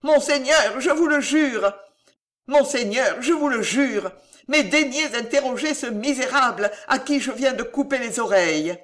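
A reader voicing a scheming old male steward who pleads and swears his devotion in a raised, effusive voice, pitched above the reader's own. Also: big pitch swings, normal speed, a bit bright. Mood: anxious pleading. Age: older.

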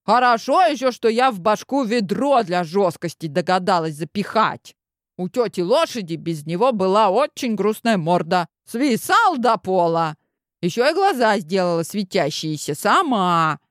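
A woman's voice: medium pitch, animated, moderate pace, no echo, clean studio sound, natural voice. A woman voicing a cheeky young woman in a monster costume, with a complaining, mischievous tone.

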